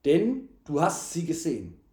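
A man doing a calm commanding knight. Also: fairly high pitch, measured pace. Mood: firm. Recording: echoey room.

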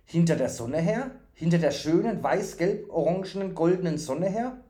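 A man's voice: fairly high pitch, sing-song, moderate pace, dark tone, roomy sound, voice pushed up. A man voicing a simple-minded, childlike male fool from the forest, eager and full of repeated questions. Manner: eager, questioning, singsong repetitions.

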